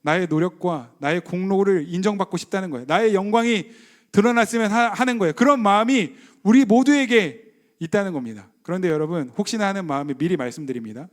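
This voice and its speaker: A man preaches a Sunday sermon at a brisk clip, his voice sitting fairly high. He presses the congregation with rhetorical questions and leans hard into his emphasis. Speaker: pastor of a church plant.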